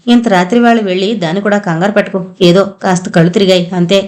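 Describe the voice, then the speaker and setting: A woman's voice: medium pitch, quick pace, close to an everyday voice. A woman voicing a frail, tender old mother. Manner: soft, tired and tender. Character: frail ailing older widowed mother, gentle.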